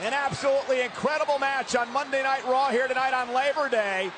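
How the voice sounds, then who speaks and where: Very high-pitched male wrestling commentator. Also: fairly even intonation, fairly quick, a crowd in the background. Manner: dramatic, emphatic calling of the action. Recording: loud arena noise behind the voice.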